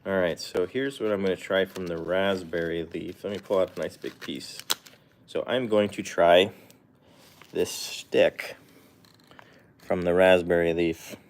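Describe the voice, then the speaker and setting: A man's voice: sits low, fairly even intonation, measured pace. A man casually chatting on a livestream while feeding his guinea pigs, rambling and correcting himself with small chuckles. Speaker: pet vlogger.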